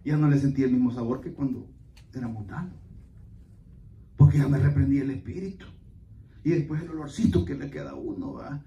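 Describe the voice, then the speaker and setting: A man preaching a sermon as pastor, telling folksy stories to his congregation and breaking into loud exclamations. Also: medium pitch, a little fast, vocal fry, pauses often, muffled recording. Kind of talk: Spanish-language church sermon. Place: church sanctuary. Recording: echoey church hall, mic at a distance.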